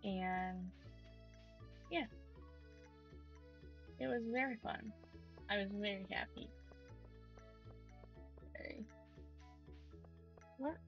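A woman's voice: mid-range voice, extremely slow, vocal fry, pauses often, muffled recording, faint music behind. A young woman streamer giving casual, chatty, self-deprecating commentary while she plays a game, with frequent exclamations.

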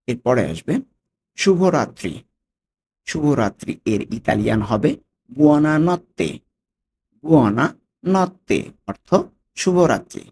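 A man with a Bangladeshi Bengali accent teaches a language lesson phrase by phrase, repeating each phrase slowly and often asking whether the listener has it. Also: mid-range voice, creaky, a little mellow, a little hiss or hum.

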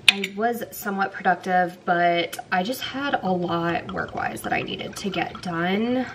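In an echoey home, a young lifestyle vlogger talks slowly and chattily to the camera, relaxed and using many fillers, moving between bathroom and kitchen. She has a mid-range voice. Her camera mic, at arm's length or on a stand, also picks up faint background noise.

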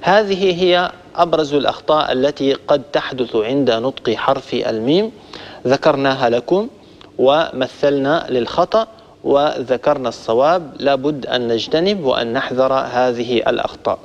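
A man teaching Quran recitation, patiently explaining each point step by step and slowly demonstrating the sounds to a group of listeners. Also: mid-range voice. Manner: addresses listeners warmly as a group. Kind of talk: instructional lesson on pronunciation. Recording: long reverb, dull lo-fi sound.

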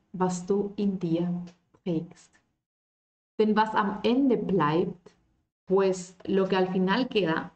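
A woman teaching German in an online lesson. She reads German lines slowly and clearly, then explains them in Spanish. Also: medium pitch, roomy sound.

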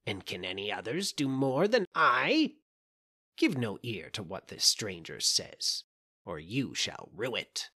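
A man voicing a croaking, scheming old witch in an audiobook fairy tale, giving sly warnings. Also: lowish voice, sing-song, takes it slowly, bright, forceful tone, full character voice. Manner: warning, coaxing.

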